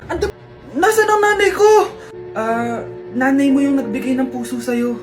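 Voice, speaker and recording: High-voiced woman acting comedy sketches. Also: normal speed. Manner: playful voice-switching between mother and child. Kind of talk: acted comedy sketch playing many parts. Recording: music behind.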